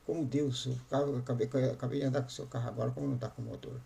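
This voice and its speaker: A man's voice: mid-range voice, little pitch movement, very fast, vocal fry, dark tone. A pastor voicing a grateful father, once an unbeliever, who speaks in an earnest, pleading way. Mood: incredulous. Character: grateful father, former unbeliever, now eager.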